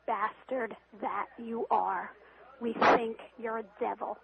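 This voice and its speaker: A woman scolds on an answering machine message, slow and coldly measured. Her raised voice stays flat in tone, squeezed through a tinny phone line. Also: on the high side, vocal fry. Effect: answering machine voicemail over a phone line. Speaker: caller leaving a voicemail.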